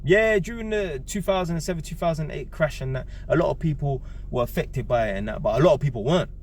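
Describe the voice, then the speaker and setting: A man's voice: on the high side, expressive, quick pace, slight background noise. A man, giving a blunt, emphatic monologue to camera, repeating key words and swearing freely. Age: 30s. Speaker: vlogger.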